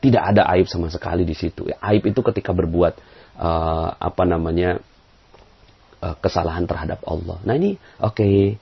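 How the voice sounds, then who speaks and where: Over dull lo-fi audio, a male Islamic preacher delivers a motivational religious talk at normal speed, sounding steady, husky and full of vocal fry. He chats with the audience, uses frequent fillers and chuckles, and performs quoted voices with big jumps in pitch.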